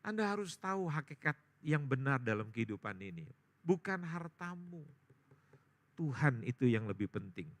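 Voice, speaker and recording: A male pastor preaching a sermon, swinging between loud emphatic peaks and quiet storytelling. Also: mid-range voice, very animated, normal speed. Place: church service.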